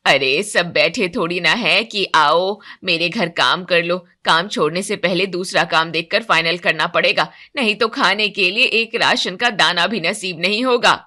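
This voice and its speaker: A woman voicing a short-tempered housemaid mother, grumbling and scolding in a lowered, louder voice. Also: unhurried, hardly any pauses. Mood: irritated. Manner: irritated, scolding.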